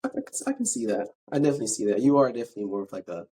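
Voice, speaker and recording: Husky chatty podcast host man. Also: medium pitch, rapid-fire, warm tone, low-quality recording. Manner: chatty, hesitant, with restarts and apologies. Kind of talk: casual interview.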